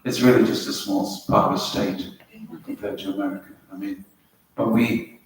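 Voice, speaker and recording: A man's voice: on the low side, steady tone, normal speed. A middle-aged man from Wales, giving a spiritual talk to a small group, telling stories and tracing words step by step. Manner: storytelling, anecdotal, explains words step by step. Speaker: spiritual teacher. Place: yoga center hall. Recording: roomy hall, mic at a distance, faint hiss.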